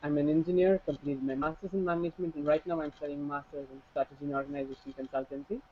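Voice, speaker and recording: A man's voice: on the high side, fairly even intonation, fast, a little hiss or hum. A young man, a business school student introducing himself hesitantly over a video call. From India. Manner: hesitant, with restarts. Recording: tinny phone-like video call line.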